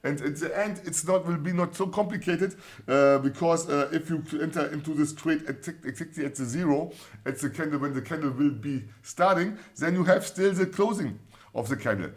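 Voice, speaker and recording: A man with a German accent hosting a trading channel, reading viewer comments in casual, encouraging talk full of fillers and restarts. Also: on the high side. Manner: halting, many fillers and restarts, repeats set phrases; upbeat, encouraging.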